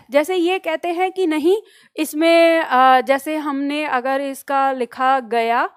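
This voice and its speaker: A woman's voice: high voice, no room sound, studio quality. A woman teaching Hindi grammar in an earnest, argumentative lecture full of rhetorical questions. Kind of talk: classroom lecture at a whiteboard.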